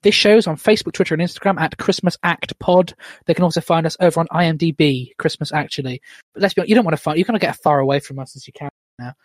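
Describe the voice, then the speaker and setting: A man's voice: a little high, rapid-fire, no echo, studio quality. A man hosting a podcast in casual chat, rambling and self-deprecating. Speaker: podcast host.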